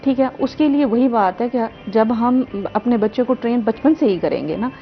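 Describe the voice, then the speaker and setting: Slightly dull broadcast sound and faint music accompany this talk-show guest, a librarian with a Pakistani Urdu accent. She lays out her points earnestly in a slightly high voice at a moderate pace.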